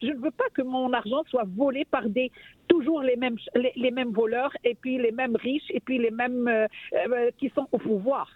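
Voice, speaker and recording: A woman's voice: a little high, steady tone, normal speed, no echo. A woman from Morocco, a radio guest speaking with passion, often repeating words as she searches for the next one. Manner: impassioned, repeats words while searching, rhetorical questions. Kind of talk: radio discussion. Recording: dry, phone-like line.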